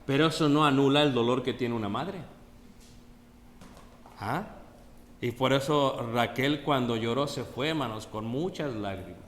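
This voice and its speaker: A man's voice: mid-range voice, a little slow, long pauses, reverberant, long reverb tail, a little hiss or hum. A man preaching a sermon in a conversational way, often asking the congregation questions. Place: church.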